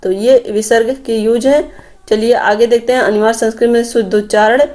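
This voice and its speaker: Female tutor, young adult, slightly high voice, patient explaining lecture style. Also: steady tone, brisk, a little mellow. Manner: explanatory, addresses viewers as friends, points at slides. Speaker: teacher. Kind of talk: exam-prep Hindi grammar lecture.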